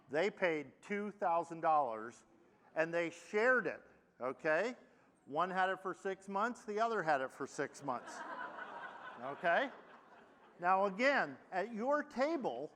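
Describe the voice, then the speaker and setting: High-voiced auctioneer calling bids in a hall. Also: male voice, a bit bright. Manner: rapid repetitive bid calling, jokey asides. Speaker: charity auctioneer. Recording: long hall reverb.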